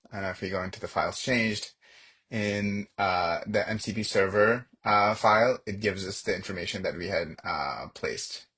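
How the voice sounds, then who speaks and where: A man with a somewhat low, husky voice walks through a software demo on his screen. His delivery is relaxed and conversational, as if he is thinking aloud while clicking through each step. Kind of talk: casual screen-share product demo.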